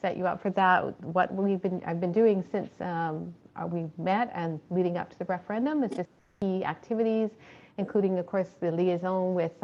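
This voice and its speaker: Woman reporting over a muffled call. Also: on the low side. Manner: steady, with frequent ums and uhs. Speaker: fundraising coordinator. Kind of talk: presenting a report at a committee meeting.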